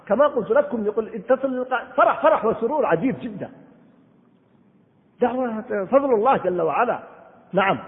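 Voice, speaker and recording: A man giving an earnest religious lesson, exhorting and answering listeners' questions. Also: very high voice. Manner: earnest, exhorting, voice rises and falls widely. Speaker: Islamic scholar answering questions. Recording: tinny phone-like audio in a long-echo hall.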